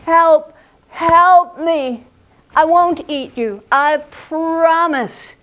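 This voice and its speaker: A woman's voice: very high-pitched, extremely slow, pitched above the performer's own voice, full character voice. A woman voicing a trapped male tiger, calling out in a growly, pleading voice during live storytelling. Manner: loud calling cries.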